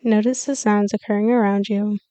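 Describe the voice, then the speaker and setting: Speaking at a medium pitch in a clean tone, a woman leads a scripted yoga nidra meditation, offering calm, soothing, measured guidance with pauses. The recording is dry.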